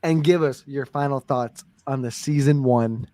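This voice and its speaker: A man's voice: mid-range voice, moderate pace, mellow. A man hosting a casual chat, teasing his co-hosts in a playful, profane way as he hands them the floor. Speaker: podcast host.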